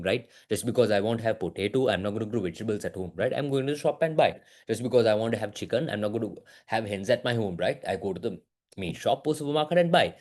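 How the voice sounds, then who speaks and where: A young man teaching an online business class, asking lots of quick questions. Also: on the low side. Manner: lively, keeps asking "right?", mixes in Sinhala words. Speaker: business studies tutor.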